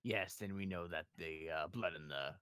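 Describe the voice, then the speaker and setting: A man voicing a bumbling, gruff male police detective in a game, hesitant and full of fillers, ending lines with "sir". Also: sits low, normal speed, over music, natural voice. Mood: earnest. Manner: hesitant, filler-heavy, tacks on "sir", clipped "moida" accent. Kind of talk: amateur voice-over of a game.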